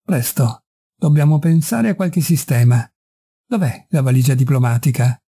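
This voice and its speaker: A man voicing a calm, brisk detective who speaks in clipped, firm sentences in an audiobook reading. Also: mid-range voice, slightly rough. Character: calm, brisk male detective, middle-aged.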